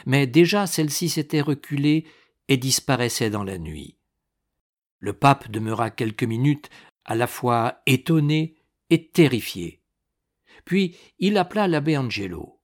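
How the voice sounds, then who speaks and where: A man narrating an audiobook in a measured, deliberate reading style. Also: medium pitch.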